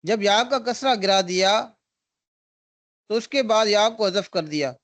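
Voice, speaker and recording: A man's voice: high voice, lively intonation, a bit bright. A male teacher giving an online grammar lesson, explaining step by step and answering his own questions. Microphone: video call.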